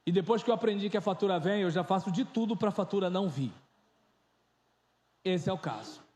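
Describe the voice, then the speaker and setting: High-voiced animated pastor, echoey church. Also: male voice, a little fast. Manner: animated, joking, shifts into loud and soft. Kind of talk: informal sermon.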